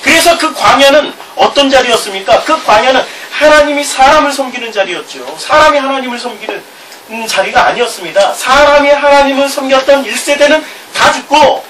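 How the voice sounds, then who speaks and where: Extremely high-pitched, brisk, and pushed bright, this middle-aged pastor's Gyeongsang-accented Korean voice comes through a distant mic over background noise. He preaches, reads scripture aloud, and chuckles in asides.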